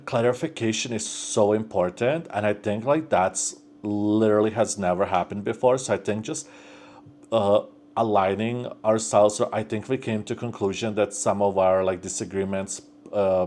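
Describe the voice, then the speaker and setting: Speaking at a moderate pace in a fairly low, steady, slightly mellow voice, this young man vlogs from home as he works on a build project. Originally from the Bosnia and Slovenia region, he was raised in North America from age thirteen. His chat is loose and rambling, full of fillers and false starts, over slight background noise.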